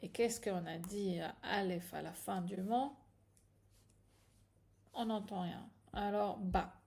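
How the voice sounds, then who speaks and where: A woman's voice: medium pitch, slow, gravelly, a little mellow. A woman teaching a patient, step-by-step reading lesson, often checking in with her students. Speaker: Hebrew teacher.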